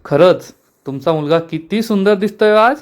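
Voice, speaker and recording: A man's voice: high-pitched, normal speed, close to an everyday voice. A man voicing a scheming young sister-in-law who talks in a wheedling, gossipy way.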